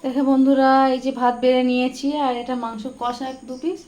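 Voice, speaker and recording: A woman's voice: sits high, level tone, fairly quick, poor audio. A woman, chatting to viewers in a casual home vlog as she shows her shopping and cooking. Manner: chatty, addresses viewers as friends while showing things. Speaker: home vlogger. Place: home, kitchen. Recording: loud home background noise.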